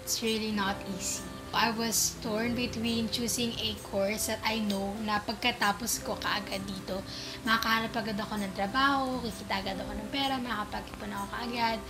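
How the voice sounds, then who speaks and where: A woman in her twenties, an interviewee talking about her studies in a lively way, mixing in Tagalog. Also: mid-range voice, a little fast, over music, rough recording. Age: 20s. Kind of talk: recorded self-introduction.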